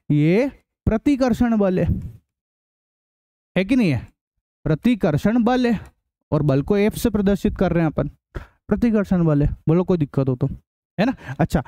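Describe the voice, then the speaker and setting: A man's voice: sits high, dark tone, dry recording. A male teacher giving a science lesson, repeating points and quizzing students with questions as he explains.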